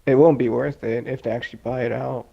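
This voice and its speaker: Gravelly young man, dull lo-fi sound. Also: mid-range voice, steady tone, fast. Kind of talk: casual chat.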